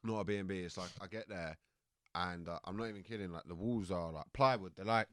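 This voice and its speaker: Rambling South London comedian, low voice. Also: male voice, fast, dry recording, clean studio sound. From Croydon, South London, England. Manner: rambling anecdotes with many fillers and restarts. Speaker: stand-up comedian, podcast guest. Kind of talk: casual podcast chat, storytelling. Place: podcast studio.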